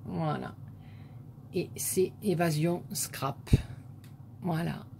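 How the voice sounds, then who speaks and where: Low, slow-talking woman with a southern French accent. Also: creaky, noisy background. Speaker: scrapbooking vlogger. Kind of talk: casual show-and-tell chat.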